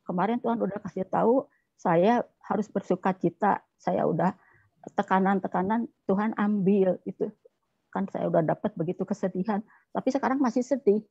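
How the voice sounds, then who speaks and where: A woman's voice: mid-range voice, gravelly, a little mellow, slightly rough, no room sound, dull audio. A woman in an online class sharing a personal testimony, telling it in an emotional, rambling way over a video call.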